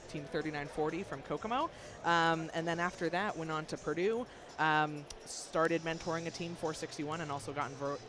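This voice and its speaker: Low-voiced young woman in a broadcast interview. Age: 20s. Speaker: guest analyst, robotics mentor.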